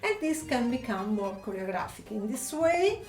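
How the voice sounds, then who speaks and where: A woman's voice: a little high, big pitch swings, moderate pace, darkish tone. A woman with an Italian accent, whose first language is Italian, teaches a belly dance lesson and calls out counts and step cues as she dances. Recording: echoey room, distant mic, faint music.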